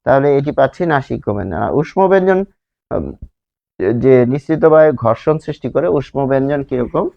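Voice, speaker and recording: A man's voice: mid-range voice, very animated, brisk, creaky, mellow. A male teacher from Bangladesh giving a grammar lesson, asking and answering his own questions and drawing out sounds to demonstrate them. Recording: slightly dull lo-fi sound.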